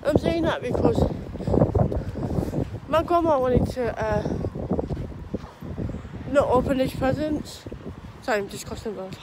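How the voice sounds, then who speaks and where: Out on a street with her dogs, a young woman vlogs through a cold, her throat sore and clogged, her nose running. Her high, expressive voice moves unhurriedly with long pauses as she rambles, hesitates, restarts and leans on fillers. The phone records from arm's length, held low, with traffic audible around her.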